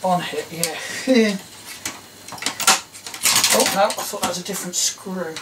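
Slow and high-voiced, this middle-aged man from England thinks aloud casually while working on vintage electronics, quizzing himself under his breath. The video creator's camera mic sits some distance off in a small tiled room. Clattering workbench tools fill the background with noticeable noise.

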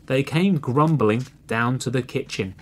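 A man reading a children's fairy tale aloud, slow and expressive. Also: mid-range voice. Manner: slow and expressive, clearly read for learners. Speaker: storyteller. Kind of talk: storybook reading.

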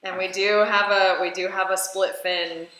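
A woman's voice: mid-range voice, little pitch movement, normal speed, sharp tone. A woman, a scuba diving instructor, chatting animatedly as she reacts to and explains dive footage. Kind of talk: casual reaction commentary. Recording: very echoey room, faint ambience.

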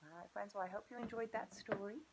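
A woman preschool teacher gently reading a picture book aloud to children and asking them questions about the pages. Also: mid-range voice, fast, noisy background.

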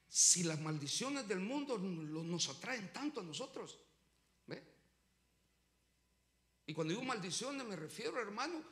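Man preaching, very high pitch, echoey church room. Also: a bit bright. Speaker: pastor. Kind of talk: sermon. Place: church sanctuary.

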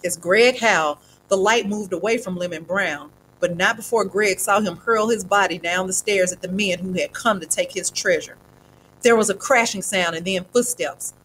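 A woman narrating a suspenseful story aloud in a steady, dramatic reading voice. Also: medium pitch, a little hiss or hum, rough recording.

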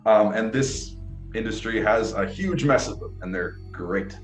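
A young adult man conducts a casual interview over a video call, rambling enthusiastically and often restarting sentences. His voice is fairly low and measured, picked up by earbuds in a small indoor room that echoes, with faint music behind him.

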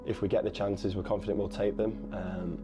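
A man talking as a footballer in an interview, quick and hesitant, with many fillers and restarts. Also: fairly low pitch, little pitch movement, over music. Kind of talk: post-match interview.

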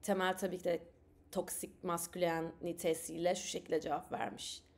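A woman hosting a live stream, chatting and telling jokes in a lively, animated way. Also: lowish voice, normal speed. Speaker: streamer host.

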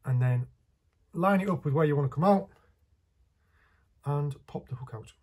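A man's voice: on the high side, moderate pace, a little mellow, husky. A man, casually talking through a hands-on fishing tutorial while he works, in a small indoor workshop. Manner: chatty, practical, talks while working with his hands.

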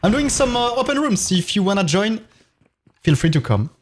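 A man with a French accent hosts a casual live game stream. His voice sits slightly high and moves animatedly from phrase to phrase. He keeps up a running chat, thanking viewers one after another. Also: big pitch swings, moderate pace, slight background noise. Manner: chatty, thanks viewers one by one while playing.

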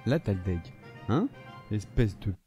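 A young man with a French accent, his voice worn hoarse, giving live commentary on a mobile game and swearing angrily at his opponents. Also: lowish voice, big pitch swings, mellow, faint music behind. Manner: swears a lot, quick to anger, rants at opponents. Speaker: gaming video creator.

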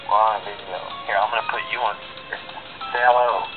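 A man's voice comes through a phone held on speaker, thin and tinny like a cheap phone line. He talks low and unhurried, with brief, low-key replies. Music plays clearly in the background. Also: steady tone. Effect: heard through a phone on speaker. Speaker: phone caller.

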